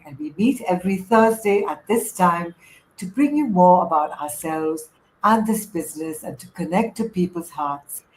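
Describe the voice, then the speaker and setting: A middle-aged life coach with an Indian accent hosts a casual livestream, telling personal stories emphatically and often stacking phrases into lists. Her voice is lowish with a darkish tone. The recording has clearly noisy room sound.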